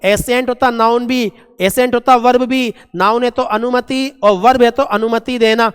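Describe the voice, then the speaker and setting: High-voiced man teaching vocabulary, echoing hall. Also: fairly even intonation, moderate pace, clean tone. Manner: repeats words, quizzes students as "beta". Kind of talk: exam-prep vocabulary lesson. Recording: long reverb in a hall.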